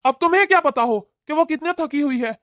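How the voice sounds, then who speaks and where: A woman voicing a sharp-tempered young married son in a cartoon, talking in a scolding, irritable way. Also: high voice, animated, fairly quick, dry recording, studio quality.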